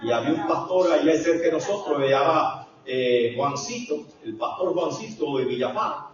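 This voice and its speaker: An older man preaching a sermon as a pastor, swinging from hushed storytelling to shouted preaching. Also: on the high side, animated, moderate pace. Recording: echoey hall, distant dull mic.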